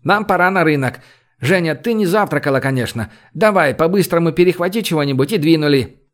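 A brash, joking man who runs the group, played by a male audiobook reader. He talks loud and bossy, with a pushed, lifted voice. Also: on the high side, lively intonation, a little fast, voice pushed up, natural voice.

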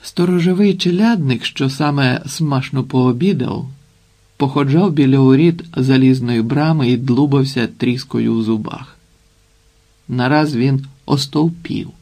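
A man's voice: medium pitch, darkish tone. A man narrating an adventure audiobook.

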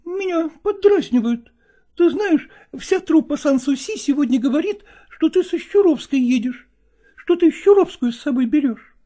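A man's voice: expressive, normal speed, mellow. A man reading an audiobook, voicing a young actress who is jealous and clingy, pleading and reproachful through tears. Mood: insistent. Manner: high, pleading and reproachful, tearful.

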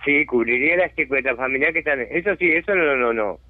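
A man with a medium-pitched voice talks fast in Uruguayan Spanish over a dry, tinny phone line with no echo. He lives in a settlement and acts as its community spokesman, and he has a chronic lung disease. In this radio phone interview he sounds insistent and indignant, often checking that he's being understood.

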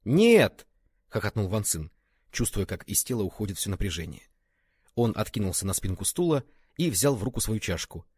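A man reading a story aloud as narrator, with expressive, varied intonation. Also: on the low side, brisk, husky, dry recording. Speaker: audiobook reader. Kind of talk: scripted narration.

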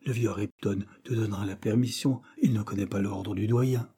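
A man's voice: lowish voice, steady tone, moderate pace, gravelly, dark tone, husky. A man voicing a sulky, idle schoolboy who grumbles impatiently.

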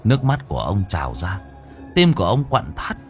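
Male storyteller, low voice, lively swooping delivery, dry close recording. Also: fairly quick, soft background music. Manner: dramatic, expressive. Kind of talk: ghost story narration.

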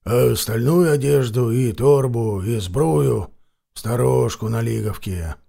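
A man voicing a rough, hot-tempered peasant robber in an audiobook reading, blustering and indignant. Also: medium pitch, measured pace, mellow. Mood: confessing.

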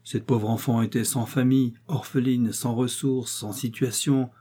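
Brief: exuberant, boastful older pharmacist, loud and showy, mellow tone, voiced by a male reader. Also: medium pitch, flat delivery, normal speed, slightly rough, lightly acted. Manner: boastful, gesticulating chatter. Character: exuberant, pompous small-town pharmacist, older man.

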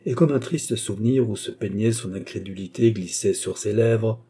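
A man narrating a classic novel as an audiobook in a steady, dramatic storytelling manner. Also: lowish voice, moderate pace, breathy edge. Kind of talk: scripted narration.

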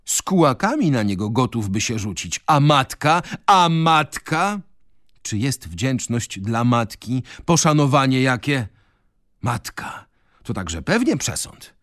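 A man's voice: medium pitch, sing-song, takes it slowly, fairly bright tone, no echo, studio quality. Man voicing a moaning self-pitying mother. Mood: plaintive. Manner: plaintive, moaning. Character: complaining middle-aged mother, self-pitying. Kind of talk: radio reading of a novel.

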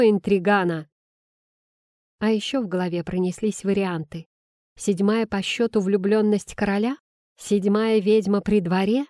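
Mellow-voiced woman narrating an audiobook. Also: medium pitch, dry recording, studio quality. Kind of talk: audiobook narration, first person.

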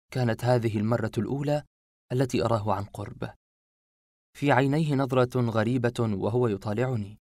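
A man narrating a suspenseful story in the first person, in a steady storytelling manner. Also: medium pitch, dry recording, studio quality. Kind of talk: audiobook narration.

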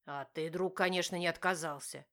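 A harsh, domineering young husband who growls and barks his words, as a woman reading the audiobook puts him on. The voice sits low and rough, snapping out short, bitter lines. It is a storybook reading, not a studio drama. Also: fairly even intonation, moderate pace, a bit bright. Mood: angry.

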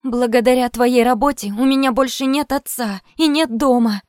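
Woman doing a teary young woman, high and pleading, dry close sound. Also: normal speed, darkish tone, no echo, close to an everyday voice. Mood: tearful defiant. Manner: pleading, tearful outbursts. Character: young woman, upset teacher, tearful and defiant.

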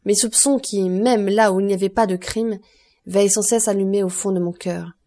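A woman reading the part of a cold, stern male magistrate who accuses with measured contempt in an audiobook. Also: mid-range voice, steady tone, warm tone, natural voice. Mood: cold, accusing.

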